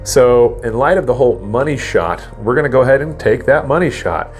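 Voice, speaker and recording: A man's voice: medium pitch, lively intonation, fast. American chef guy vlogging in his little kitchen, hyped and showy, faint music under it. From United States. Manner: enthusiastic, showman-like. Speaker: chef and vlog host. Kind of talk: casual cooking vlog. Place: small home kitchen.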